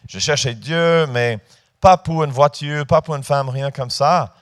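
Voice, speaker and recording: A man's voice: on the high side, unhurried. A man in his fifties preaching a sermon in a church, talking informally with hesitations and rising to emphatic points. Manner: rises to emphatic, lifted delivery on key points.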